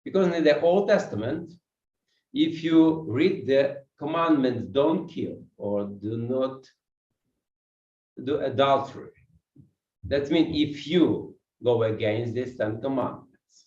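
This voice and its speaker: This Ukrainian man, a guest pastor with a Ukrainian accent, has a slightly mellow mid-range voice and speaks slowly with long pauses. Pacing the church hall, he preaches and asks the congregation questions, heard from a distance in dull, echoey church sound.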